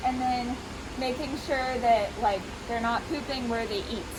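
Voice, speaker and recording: A woman explaining animal treatment casually and informally, her voice slightly muffled by a face mask. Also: fairly high pitch. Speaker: veterinary professional treating goats. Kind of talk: casual explanatory talk to camera. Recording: noisy, steady rushing background hiss.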